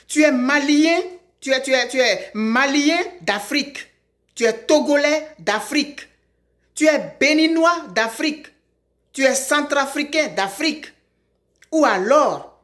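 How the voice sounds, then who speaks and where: A woman's voice: high-pitched, fairly bright tone. A middle-aged woman from Ivory Coast making an emphatic direct-to-camera appeal, repeating her calls for emphasis. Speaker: vlogger.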